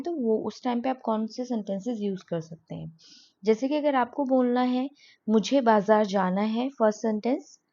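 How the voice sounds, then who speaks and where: A woman teaching English on her channel, with a fairly high but mellow voice. She explains patiently and says each example sentence slowly. The recording sounds dull and lo-fi. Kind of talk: spoken English lesson.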